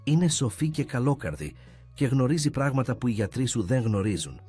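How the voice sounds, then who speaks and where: A man's voice: mid-range voice, very animated, warm tone, breathy edge, soft background music, pitched above the performer's own voice. A man voicing an earnest young blind man, the son of a rich father, pleading and emotional in a read-aloud story.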